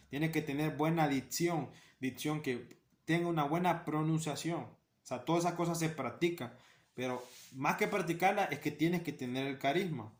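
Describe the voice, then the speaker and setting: Man explaining church liturgy, earnest, says things twice, slightly high voice, roomy echo. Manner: earnest, repeats key phrases for emphasis. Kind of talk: spoken catechesis talk.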